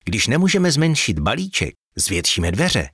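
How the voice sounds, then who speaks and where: A man voicing an excitable young male elf who blurts out ideas. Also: on the high side, gravelly, no room sound, studio quality, voice pushed up, heavily acted. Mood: excited. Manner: excited exclaiming.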